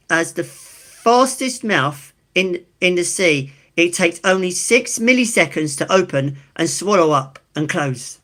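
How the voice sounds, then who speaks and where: In a medium-pitched, fairly bright voice, this Essex-accented live stream host from England reads items out in a casual way. Every fact prompts an amused, informal, chatty aside.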